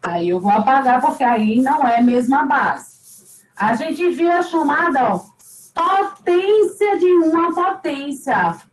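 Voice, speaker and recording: A woman with a high voice explains a math lesson at an unhurried pace. She goes over each step patiently and repeats the main points with emphasis. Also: lively intonation, roomy sound, poor audio. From Brazil. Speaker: math teacher.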